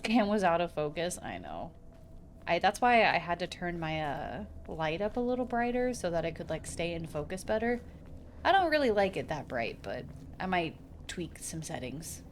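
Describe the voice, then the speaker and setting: A woman's voice: on the low side, sing-song, moderate pace. A young woman streams a game from home on a desk mic, chatting loosely and rambling from thought to thought. Her talk is full of slang and the occasional swear, with a faint hum of room ambience behind her. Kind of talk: casual live-stream gameplay commentary.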